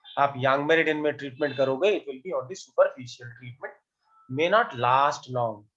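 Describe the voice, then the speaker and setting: A man's voice: on the high side, a bit bright, lo-fi sound. Man teaching, quizzing his students. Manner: quizzing students with quick questions, mixing Hindi and English. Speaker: acupuncture teacher. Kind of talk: online class lecture.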